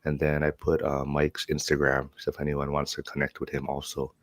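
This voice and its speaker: A man's voice: a bass voice, monotone, a little fast, dry recording, studio quality. A man hosting a livestream in casual, conversational style. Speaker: livestream host.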